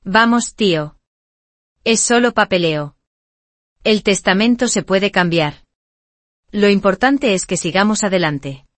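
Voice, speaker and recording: A woman's voice: mid-range voice, lively intonation, measured pace, pauses often, no room sound, close to an everyday voice. Breezy, dismissive brother for a storybook read-aloud, voiced by a woman, dry close sound. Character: smug, easygoing younger brother.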